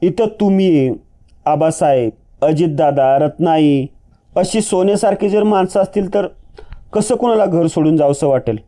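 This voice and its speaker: A man voicing a gentle young daughter-in-law who speaks hesitantly and softly. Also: on the high side, moderate pace, close to an everyday voice. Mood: worried, hesitant. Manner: hesitant, soft-spoken.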